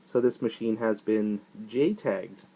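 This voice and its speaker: A man's voice: fairly low pitch, takes it slowly, dark tone, poor audio. A man talking casually with many fillers as he shows off a repair project. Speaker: hobbyist showing a console repair. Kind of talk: casual show-and-tell.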